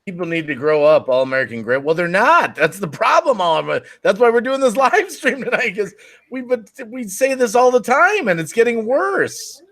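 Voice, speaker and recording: A man's voice: sits high, big pitch swings, normal speed, a bit bright. A man co-hosting a live stream in casual, joking chat.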